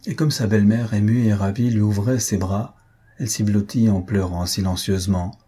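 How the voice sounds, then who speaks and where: A man reading a classic novel aloud in a measured, even storytelling manner. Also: lowish voice, slightly rough. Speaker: audiobook reader. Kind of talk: scripted narration of a novel.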